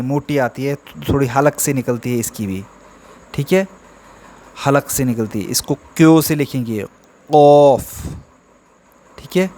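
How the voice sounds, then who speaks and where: A slightly high-voiced male Urdu teacher gives a slow alphabet lesson for beginners with patient, drilling delivery. He stretches out repetitive letter exercises and keeps saying "theek hai."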